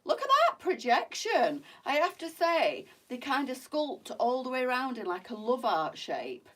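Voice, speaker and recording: Female host, casual live-selling patter to viewers, mid-pitch, occasionally puffing. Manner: chatty, warm sales patter addressing viewers as girls. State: out of breath while changing. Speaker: boutique live-stream host.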